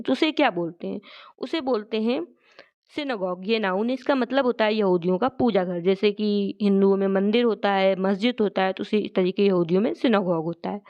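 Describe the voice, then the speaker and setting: A woman explaining English words in a lesson, speaking Hindi as her first language and reading out English definitions slowly and deliberately. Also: medium pitch, clean tone, muffled recording. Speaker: vocabulary teacher.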